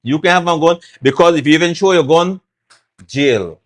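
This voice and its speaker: A man's voice: fairly high pitch, normal speed. Middle-aged Belizean man, talk show guest, hammers his points home and repeats them. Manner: emphatic, repeats points, acts out quotes. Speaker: guest, former party chairman.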